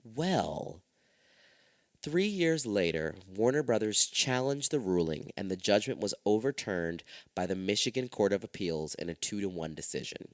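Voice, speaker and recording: A male podcast host talks through a true-crime case in a loose, profane storytelling manner. His lowish voice rises and falls with lively swings. He sits close to the microphone in a dry, dead-sounding space. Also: unhurried, no echo. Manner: profane, animated retelling.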